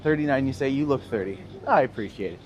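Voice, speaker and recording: The recording is muffled, capturing a medium-pitched, slightly mellow man speaking quickly and expressively. In his thirties, with a Northern Ontario accent, he's a tour guide livestreaming a city street walk, chatting and laughing in reply to viewers amid faint traffic.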